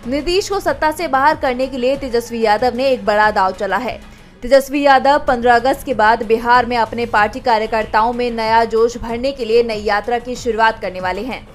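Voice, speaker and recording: A woman reporter reading a scripted voice-over for a breaking news report. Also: fairly high pitch.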